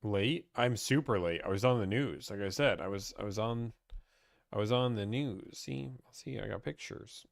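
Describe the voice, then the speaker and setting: A man's voice: on the low side, moderate pace, gravelly, no echo, studio quality. Chatty young man hosting a live stream. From Pittsburgh. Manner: chatty, reads viewer comments aloud and answers offhand. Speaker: livestream host answering car-buying questions.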